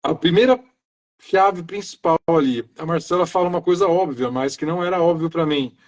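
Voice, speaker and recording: A man's voice: a little high, fairly quick, darkish tone. A middle-aged man from Brazil, a maintenance engineer, talking earnestly in a casual live interview, stringing his thoughts together loosely. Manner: earnest, talks in loose chains of "então" and "né".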